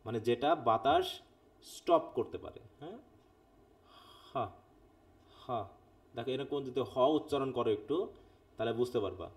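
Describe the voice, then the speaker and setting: A man's voice: mid-range voice, big pitch swings. Bengali man teaching an English phonetics class. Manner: explains step by step, often checks with students; reads English text aloud slowly. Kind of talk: live online class lecture.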